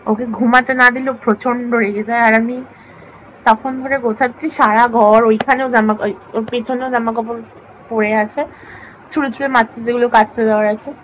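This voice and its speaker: A woman's voice: a little high, steady tone, a little fast, a bit bright, a little hiss or hum, rough recording. A young woman chatting casually through a daily home vlog, now and then cooing at her pets in baby talk. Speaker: vlogger. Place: home bedroom.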